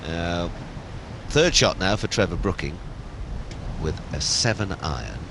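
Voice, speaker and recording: Low-voiced male golf commentator, very animated delivery. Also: measured pace, gravelly. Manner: wry, savours each shot with colourful phrasing. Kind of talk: golf commentary on a televised match. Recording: very noisy outdoor broadcast, wind and traffic-like rumble. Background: outdoor golf course ambience.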